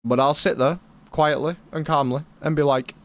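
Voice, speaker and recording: A man's voice: on the high side, fairly even intonation, moderate pace. A British man streaming a game and chatting casually with his viewers, rambling and swearing freely. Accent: British English. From Britain. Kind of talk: casual chat with live viewers.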